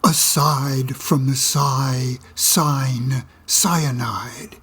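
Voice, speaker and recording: A speaker reciting tongue twisters in a drawn-out, deliberate way, phrase by phrase. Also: medium pitch, husky.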